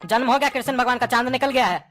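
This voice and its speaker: A woman's voice: fairly high pitch, fast, fairly bright tone, natural voice. A woman playing a strict, threatening father in a comedy skit, with a bossy, scolding manner. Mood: stern. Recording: background music under voice.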